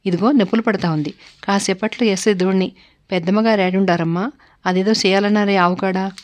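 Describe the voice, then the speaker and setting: Woman doing an excitable rustic cowherd man. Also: mid-range voice, a little fast, natural voice. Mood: excited. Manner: loud calling, rustic village speech. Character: excitable rustic male cowherd, simple and loyal.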